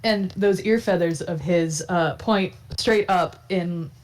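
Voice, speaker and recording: A woman's voice: on the low side, takes it slowly, low-quality recording. A woman running a tabletop game, narrating in a playful, teasing way. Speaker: game master.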